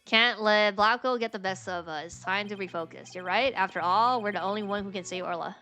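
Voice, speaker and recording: A woman's voice: mid-range voice, brisk, bright, forceful tone, faint music behind. A woman voicing an earnest, questioning young defense lawyer from a courtroom game. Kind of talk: reading game dialogue aloud.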